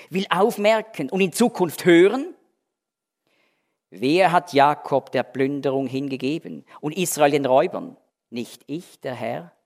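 Emphatic preacher in a reverberant hall. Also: male voice. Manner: emphatic, swings between loud stresses and quiet low phrases. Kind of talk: expository Bible sermon.

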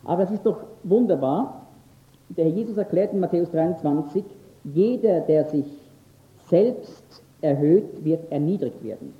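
A man teaching a lecture on scripture, earnest and emphatic, pausing now and then with fillers. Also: sits high. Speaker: Bible teacher. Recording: echoey, phone-like lo-fi recording.

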